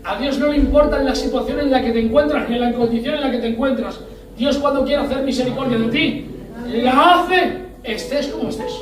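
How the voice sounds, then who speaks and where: High-voiced Spanish preacher in echoey church. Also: male voice, fairly quick. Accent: Spain Spanish. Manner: storytelling, acts out scenes with voices. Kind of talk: sermon. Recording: echoey church hall, mic at a distance.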